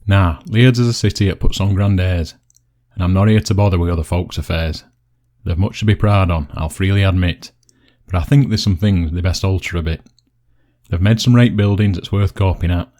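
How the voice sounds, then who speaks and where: A man's voice: sits low, moderate pace, warm tone. A man with a West Yorkshire accent presenting and reciting dialect poetry.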